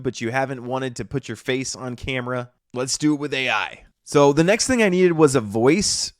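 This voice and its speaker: A man's voice: mid-range voice, no echo, clean studio sound. Chatty man walking through a tutorial. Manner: chatty, often adds "okay?". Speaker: YouTuber. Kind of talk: casual tutorial walkthrough.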